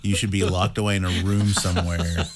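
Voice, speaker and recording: A young man co-hosting a horror film review, measured and opinionated in a wry, casual chat. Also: deep voice, little pitch movement, noisy background.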